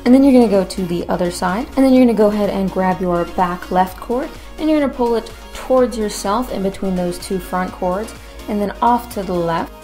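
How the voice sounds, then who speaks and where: A woman's voice: mid-range voice, a little fast, mellow, soft background music. A woman narrating a craft tutorial as its host, in an informal, conversational way.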